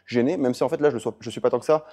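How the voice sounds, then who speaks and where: A young powerlifting vlogger, worn out from a long session, talks very fast in a warm, husky, medium-pitched voice. His gym vlog chat is loose and rambling, full of self-corrections.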